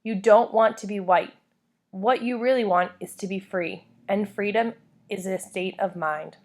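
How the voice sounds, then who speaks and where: Casting: wise old grandmother in a memoir read-aloud, played by a woman narrator, earnest, firm, instructive, mid-pitched. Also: measured pace, close to an everyday voice. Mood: earnest advising.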